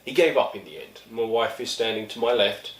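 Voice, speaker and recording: Recorded from a distance in a room full of echo, a middle-aged man with an East London accent tells wry stories at his own expense. His pitch sits fairly low and his pace is brisk in this relaxed monologue from East London, England.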